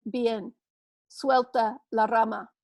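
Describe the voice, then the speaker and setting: Calm, slow-spoken God, as a woman teacher puts him on, dry sound. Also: a little high, dry recording. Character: calm, patient God speaking to a man.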